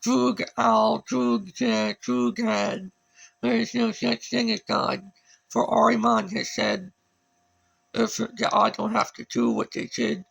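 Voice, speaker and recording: A man's voice: high-pitched, takes it slowly, gravelly, a bit bright, breathy edge, lo-fi sound. A man talking alone in a disjointed monologue, jumping between words and lists. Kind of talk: solo rambling monologue.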